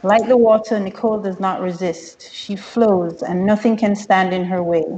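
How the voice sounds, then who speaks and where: A woman presenting at an online meeting, reading film synopses and filmmaker bios in a steady, careful way. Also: mid-range voice, moderate pace. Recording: dull lo-fi online meeting audio.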